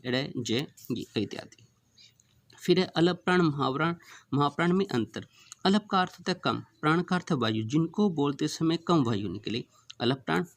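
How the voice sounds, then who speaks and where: Gravelly man teaching a grammar lesson. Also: a little high. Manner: asks questions and answers them himself; counts out and lists letters one by one. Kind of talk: classroom revision lesson.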